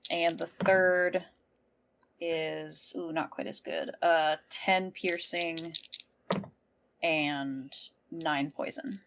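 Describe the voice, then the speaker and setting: A woman with a slightly low voice plays a tabletop game. She talks casually and slowly, calling out moves. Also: fairly even intonation, gravelly, background noise.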